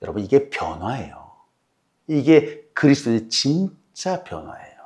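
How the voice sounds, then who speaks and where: A male pastor preaching with a lively, animated delivery. He swings up and down often and asks the congregation rhetorical questions. His voice sits at a middling pitch. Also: unhurried. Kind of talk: sermon.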